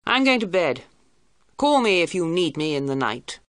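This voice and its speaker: A woman voicing a stern older army colonel, brisk, firm and commanding. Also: lowish voice, sing-song, a bit bright, no room sound, clean studio sound.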